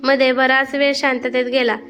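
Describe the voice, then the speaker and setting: A woman with a high voice narrates a family story and speaks the characters' lines herself. Soft music plays faintly underneath her. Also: little pitch movement, normal speed.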